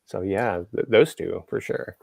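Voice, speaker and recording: On his casual podcast, a Texas-born host, an adult who came of age in the 1980s, rambles at a measured pace. His voice runs on the low side with vocal fry, and his talk is full of fillers and false starts.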